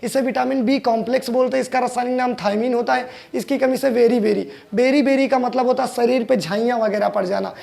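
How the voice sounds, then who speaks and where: A man's voice: extremely high pitch, steady tone, fast, vocal fry, hardly any pauses, darkish tone. A man teaching an exam-prep biology lesson, explaining step by step, asking questions and answering them himself. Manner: explains step by step, repeating key terms.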